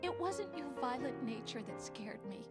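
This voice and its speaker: A woman's voice: sits high, lively intonation, moderate pace. An actress playing a lonely, wounded young woman pleading plaintively with her boyfriend in a dramatic video game. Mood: sad, reproachful. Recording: music playing behind the voice.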